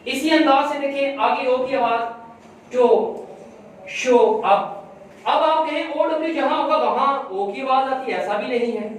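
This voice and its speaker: A woman teacher giving a phonics lesson, repeating words slowly and drawing out their sounds. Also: sits high, slight background noise. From Pakistan. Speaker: school teacher. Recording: very echoey room, voice from far off.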